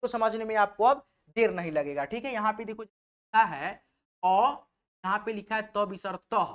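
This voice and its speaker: A man's voice: high voice, normal speed, a bit bright. A man from or teaching a spelling lesson, patient and repetitive, asking his own questions and then answering them. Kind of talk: spelling lesson over a board.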